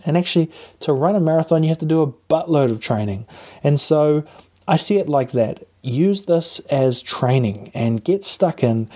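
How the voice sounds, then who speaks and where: A man's voice: mid-range voice, dark tone. A man hosting an advice podcast in a casual, encouraging coaching way, recorded on a lapel mic. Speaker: podcast host. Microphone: lapel mic plugged into a phone.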